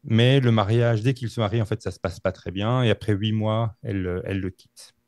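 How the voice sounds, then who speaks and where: A man telling a true-crime story on a podcast, halting with many fillers and restarts. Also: lowish voice, steady tone, a little mellow, no echo, studio quality. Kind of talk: casual storytelling.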